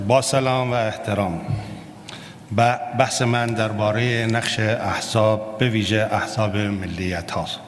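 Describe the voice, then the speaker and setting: A man's voice: fairly low pitch, fairly even intonation. Arabic-accented man speaking in an echoing hall. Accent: Arabic-accented Persian. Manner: halting, often repeating words. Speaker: political party representative, congress speaker. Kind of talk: formal prepared political speech. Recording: noisy echoing hall sound.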